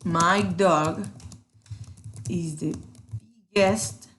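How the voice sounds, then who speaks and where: A woman teaching an English grammar lesson, patiently checking in with her students and slowing down to spell out the examples. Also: on the low side, fairly even intonation, a bit bright, slight background noise. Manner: patient, checks in with "¿cierto?" often.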